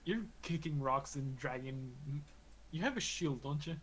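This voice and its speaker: A man running a tabletop game as game master, relaxed and joking, often laughing. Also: medium pitch, measured pace, husky, low-quality recording.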